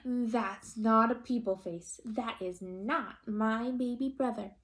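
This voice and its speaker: A woman's voice: on the high side, takes it slowly, a bit bright. A woman doing an insistent little girl. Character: young girl insisting the baby is wrong.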